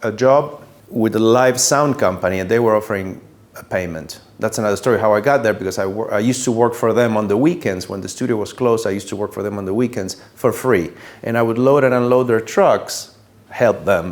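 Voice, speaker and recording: A middle-aged or older man from Buenos Aires, a native Spanish speaker with an Argentine accent, telling his career story as a sound engineer in a halting, reflective way with emphatic repetition. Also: lowish voice, darkish tone. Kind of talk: personal career storytelling to an audience.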